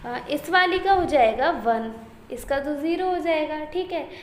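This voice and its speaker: A woman's voice: high-pitched, animated. A woman teaching math step by step, often asking the class a question and checking they follow. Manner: slow, step-by-step, repeated questions and "theek hai" checks. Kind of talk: blackboard math lesson in Hindi-English mix. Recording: echoey room with faint ambient noise.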